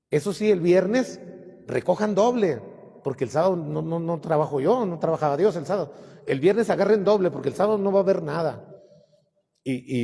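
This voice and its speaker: A man's voice: high-pitched, dark tone, husky, long reverb tail. An older man, a priest, retelling gospel stories in a folksy, humorous homily with asides. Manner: folksy, humorous storytelling with asides and acted quotes.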